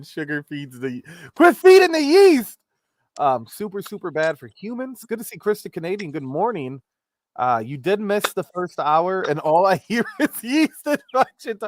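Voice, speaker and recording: Animated joking man with popping p sounds. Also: on the high side. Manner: joking, rambling. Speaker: host of a live-streamed talk show. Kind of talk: casual comedic live chat, reading viewer comments. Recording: clicks and pops, faint background noise.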